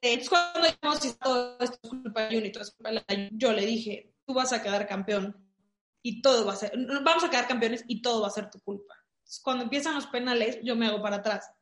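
In an echoey room, a Mexican Spanish-accented woman talks fast, her voice a touch high. She's casually telling an animated story packed with fillers.

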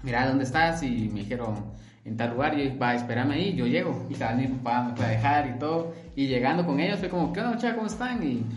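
A young man hosting a podcast, telling a personal story in a relaxed way and acting out the dialogue. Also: medium pitch, brisk, faint music behind. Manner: animated, acts out quoted dialogue. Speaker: podcast host. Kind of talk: casual storytelling chat. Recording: roomy echo.

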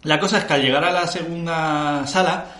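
A man's voice: fairly high pitch, fairly quick, roomy sound. A man from who runs escape rooms, telling stories in a casual podcast chat and acting out his customers' lines. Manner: animated storytelling, acts out customers' lines. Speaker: escape room game master.

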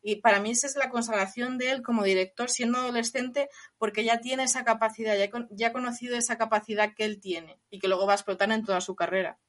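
A woman discussing a film in casual conversation, animated and acting out quoted lines. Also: fairly high pitch, fast talker, few pauses. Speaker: film podcast co-host.

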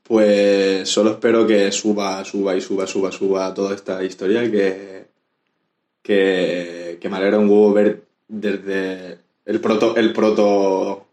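A man's voice: sits low, level tone, slow, a little mellow. A man from hosting a casual podcast interview, speaking informally and stumbling over his words as he rambles. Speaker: podcast host. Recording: roomy echo.

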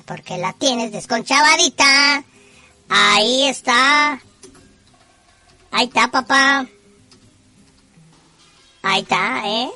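Bright, high-pitched northern Mexican woman. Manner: teasing, profane. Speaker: host of a call-in show. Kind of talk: casual slangy live chat.

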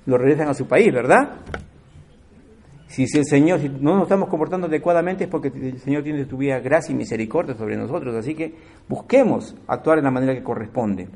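A man gives a sermon at a fairly quick clip in a mid-range voice. He moves back and forth between booming emphasis and soft asides, regularly questioning his listeners directly.

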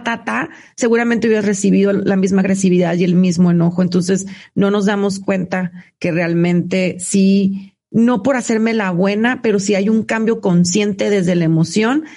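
A woman with a Mexican accent in a reflective conversation, speaking in quick bursts with frequent restarts. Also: medium pitch, warm tone. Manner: gravelly voice, fast bursts with many restarts.

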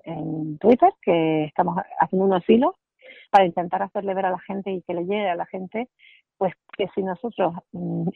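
A woman's voice: on the low side, creaky, slightly rough, dry recording. A woman from the Canary Islands with a Canarian Spanish accent, a parents' association president talking earnestly as a phone guest and repeating words as she searches for them. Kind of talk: casual interview over the phone. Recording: tinny dry phone line.

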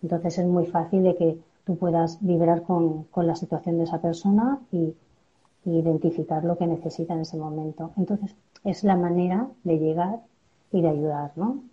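A woman guest answering interview questions calmly, explaining slowly with little tag questions. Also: on the low side, lo-fi sound. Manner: calm, explains with filler questions. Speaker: guest medium.

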